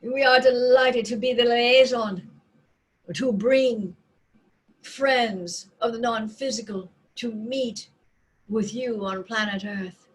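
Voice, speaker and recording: A woman speaking as a seance medium in trance, voicing a loving, serene spirit collective with solemn, deliberate phrasing and dramatic pauses. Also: a little high, fairly even intonation, slightly rough, poor audio. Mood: tender.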